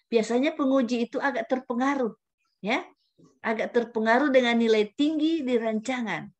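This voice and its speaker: A woman's voice: fairly high pitch, moderate pace. A woman mentor guiding trainees in an online session, chatty, tagging many sentences with a questioning "ya". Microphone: camera at a computer.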